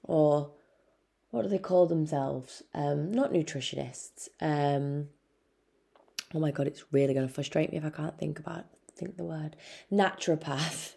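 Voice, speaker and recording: A woman's voice: deep voice, unhurried, vocal fry, dark tone, husky. A young Irish woman, a nutritionist hosting her own podcast, talking casually and frankly, swearing freely and calling the listener babe. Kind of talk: casual solo podcast talk.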